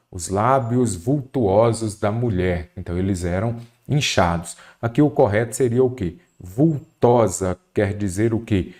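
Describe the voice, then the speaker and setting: A Portuguese teacher leads an exam-prep grammar lesson, working through it step by step and answering his own questions. His voice is fairly low and a little mellow.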